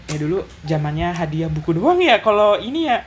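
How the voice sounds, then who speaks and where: A man from Lampung, Indonesia, telling stories in a casual chat as co-host, relaxed and quick to laugh. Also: sits high, faint music behind. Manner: laid-back storytelling, laughs often.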